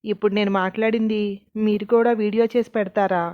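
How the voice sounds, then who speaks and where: A woman's voice: medium pitch, level tone, fairly quick, no echo, phone-quality sound, natural voice. A woman voicing a wary, defensive young college student in a storybook reading, with a suspicious, questioning manner.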